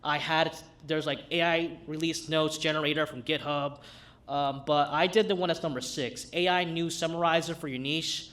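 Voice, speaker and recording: A man's voice: a little high, fairly even intonation, moderate pace, fairly bright tone. A man from New York City with a Brooklyn accent, presenting a demo in a casual, conversational way. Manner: informal, conversational. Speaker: hack night demo presenter, non-developer. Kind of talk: casual live demo talk.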